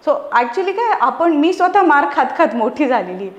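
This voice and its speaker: A woman's voice: high voice, very animated, normal speed, roomy sound. A woman in her thirties, a podcast guest who speaks earnestly and persuasively, arguing her points through everyday examples in casual conversation. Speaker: podcast guest, parenting expert.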